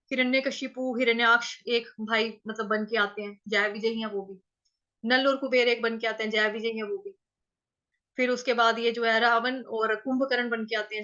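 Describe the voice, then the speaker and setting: A woman with an Indian accent teaching Sanskrit verse pronunciation in casual Hindi, chanting lines slowly and splitting words into syllables. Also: on the high side, sharp tone, dull audio. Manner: conversational, checks understanding often.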